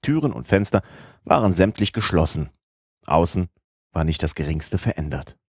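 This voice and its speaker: A man calmly narrating a classic novel as an audiobook, in a measured reading style. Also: low-pitched, slightly rough, no room sound, clean studio sound.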